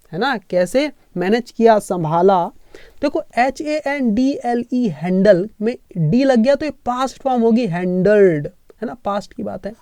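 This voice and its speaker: Guy teaching english off a story slide, keeps asking "right?", spells stuff out slow, dead dry room. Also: very high voice, a little mellow, clean tone, no room sound. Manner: keeps checking in with listeners, spells words letter by letter slowly. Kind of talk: explaining a reading lesson.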